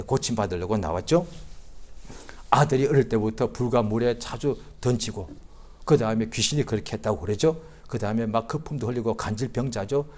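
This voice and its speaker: Impassioned Korean pastor with a lively voice. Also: male voice. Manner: dramatic swings from quiet explanation to loud, high-pitched outbursts; acts out prayers and quoted speech. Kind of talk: sermon.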